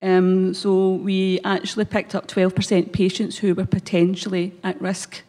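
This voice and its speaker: A woman's voice: medium pitch, little pitch movement, measured pace, dark tone. A woman with a broad Scottish accent giving a prepared conference presentation at a lectern microphone, somewhat hesitant, with frequent ums. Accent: broad Scottish, Glasgow area. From Scotland. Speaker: conference speaker, health service manager. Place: conference hall stage. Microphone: lectern gooseneck microphone.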